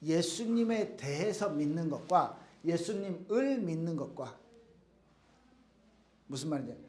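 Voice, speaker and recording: A man's voice: a little high, lively intonation, measured pace, darkish tone, reverberant. A man giving a casual youth sermon, telling stories in plain speech and acting out the quotes himself. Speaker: youth pastor. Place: church youth service room.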